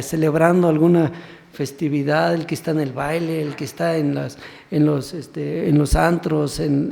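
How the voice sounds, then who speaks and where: A man's voice: fairly high pitch, creaky, a little mellow. A man, a deacon preaching a sermon who keeps asking rhetorical questions and prompts the congregation to finish verses. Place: church sanctuary. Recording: long church reverb.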